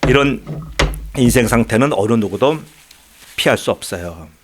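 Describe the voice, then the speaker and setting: A man's voice: medium pitch, expressive, normal speed, noisy background. A man, the pastor, preaching a sermon in a church, emphatic, with rising peaks and frequent short affirming asides. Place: church sanctuary.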